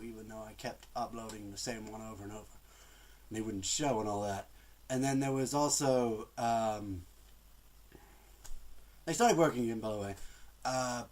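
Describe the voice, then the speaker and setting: A man with a cold, chatting casually to camera as a gaming vlogger in a rambling, exasperated way. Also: mid-range voice. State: has a cold, coughing. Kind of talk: casual vlog chat to camera.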